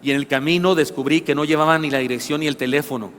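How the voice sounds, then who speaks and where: A middle-aged Mexican pastor preaching a sermon, telling funny personal stories in an animated way that builds to shouting. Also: male voice, fairly high pitch, fast. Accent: Mexican Spanish. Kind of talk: sermon with storytelling. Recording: long church hall reverb.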